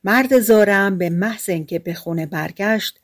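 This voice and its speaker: A woman narrating a fairy-tale audiobook in a steady, measured storytelling manner. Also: mid-range voice.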